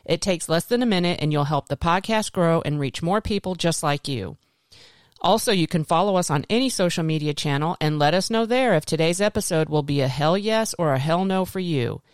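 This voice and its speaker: A woman hosts a podcast in casual talk. Her voice is very clear and smooth, and it is recorded dry with no room around it. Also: lowish voice, animated, fairly quick, no room sound. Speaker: podcast host.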